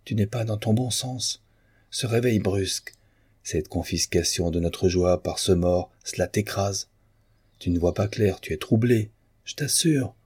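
A man's voice: deep voice, measured pace, darkish tone, slightly rough, dry recording, studio quality. A man voicing an earnest, principled man in an audiobook of a novel, pleading and stern.

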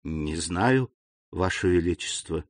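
A man's voice: deep voice, lively intonation, slow pace, dry recording, studio quality, voice pushed down. A man voicing a panicked, groveling police minister who stammers and pleads before his king. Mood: ashamed.

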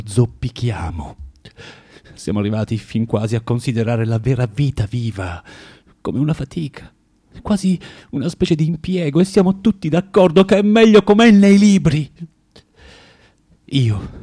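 In a theatrical radio drama, a male actor plays a bitter, proud, self-loathing recluse. His natural voice is medium in pitch with a dark tone, and his delivery is volatile, declamatory and halting.

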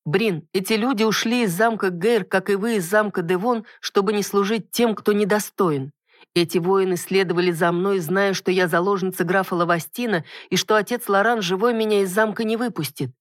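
A woman's voice: mid-range voice, steady tone, normal speed, no echo, clean studio sound, voice pushed up, lightly acted. A reader voicing a firm, earnest young noble lady in an audiobook.

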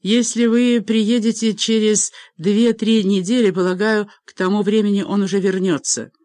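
A woman reading aloud and voicing a composed young nobleman who answers in measured words. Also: mid-range voice, steady tone, mellow, no room sound, pitched above the performer's own voice, close to an everyday voice. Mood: calm.

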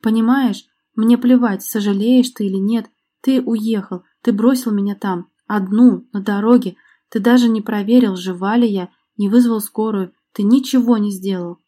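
A woman's voice: mid-range voice, brisk, warm tone, close to an everyday voice. A woman reading an audiobook, voicing a wounded, angry young actress with a cutting, reproachful manner.

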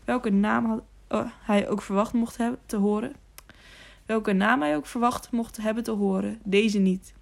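A woman narrating an audiobook with calm, steady storybook narration. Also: a little high, normal speed, gravelly.

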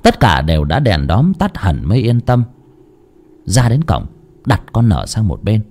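A man narrating a rural ghost story in a dramatic, expressive way. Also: fairly low pitch, a little slow.

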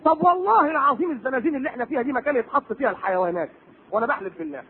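High, rapid-fire Egyptian preacher. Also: male voice, breathy edge. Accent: Egyptian Arabic. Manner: animated, rhetorical questions, sarcastic asides. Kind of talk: religious lecture. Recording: tinny lo-fi tape recording.

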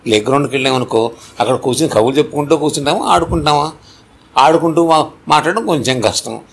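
A man's voice: a little high, fast talker, slightly rough. A man telling a moral story to young children in a chatty way, often checking in with his listener.

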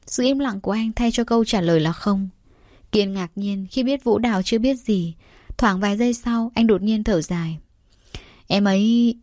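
A woman's voice: medium pitch, moderate pace, a little mellow, dry recording. Woman reading an audiobook, dry sound. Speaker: narrator. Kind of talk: audiobook narration.

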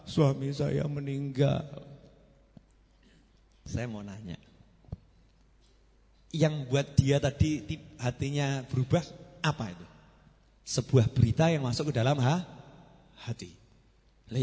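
A man preaching a sermon to a gathering, swinging from loud to soft and asking rhetorical questions. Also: medium pitch. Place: large gathering hall. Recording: long reverb of a large hall.

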